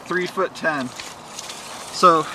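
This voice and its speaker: A man's voice: fairly high pitch, extremely slow. Chatty man vlogging outdoors, noisy background. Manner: chatty, jokey, narrating while walking. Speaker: filmmaker documenting a race. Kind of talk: casual vlog narration. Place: outdoors at a rainy race course. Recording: noisy outdoor ambience with traffic.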